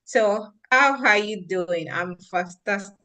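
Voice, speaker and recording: A woman's voice: medium pitch, measured pace, pushed and bright. A woman with a Nigerian accent hosting an online roundtable in an effusive, chatty way, often repeating her phrases. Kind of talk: informal online event hosting. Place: online video or conference call.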